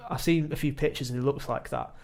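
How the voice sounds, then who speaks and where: A man co-hosting a casual chat podcast, rambling and self-deprecating, with sudden animated bursts. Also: medium pitch, quick pace. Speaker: podcast co-host.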